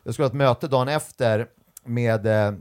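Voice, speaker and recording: Animated man telling comic stories. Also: medium pitch, clean tone. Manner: animated, acts out quoted voices. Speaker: stand-up comedian guest. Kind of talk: casual storytelling chat.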